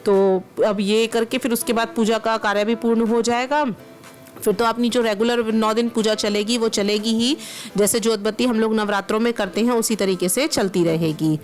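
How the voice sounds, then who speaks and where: Woman vlogger from Meerut, India, somewhat high voice, casual and chatty narration that speaks directly to viewers. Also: fairly even intonation, moderate pace, soft background music. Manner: chatty, explains steps and addresses viewers directly. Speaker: vlogger and housewife.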